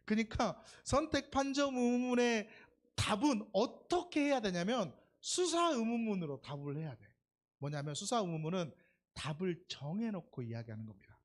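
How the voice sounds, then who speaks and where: Lively preacher acting out dialogue. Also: mid-range voice. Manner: lively and conversational, acting out quoted dialogue, asking the congregation questions. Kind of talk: sermon. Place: church sanctuary during Sunday worship.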